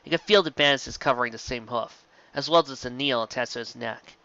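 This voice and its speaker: An amateur reader narrates a scripted fan-fiction piece in a medium-pitched, gravelly yet bright voice, brisk and forceful. He occasionally stumbles over words and rereads them, and the audio is lo-fi.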